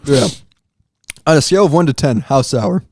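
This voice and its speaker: A man's voice: mid-range voice, lively intonation, moderate pace, darkish tone, breathy edge, dry recording, clean studio sound. A man co-hosting a casual podcast, talking while eating sour candy and rating it with enthusiasm. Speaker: podcast co-host. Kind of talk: casual chat, taste-testing sour candy.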